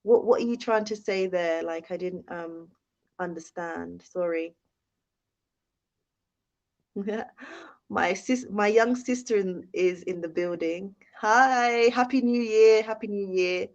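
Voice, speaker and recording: Taking it slowly with a medium-pitched voice, a young British woman runs a relaxed live-stream Q&A, reading comments out loud, chatting and offering frequent thanks. The audio, from a handheld phone, is dull and lo-fi.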